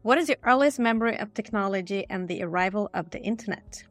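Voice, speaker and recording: A woman's voice: mid-range voice, fast talker, faint music behind. A woman hosting a podcast, formally reading out prepared questions. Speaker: podcast host.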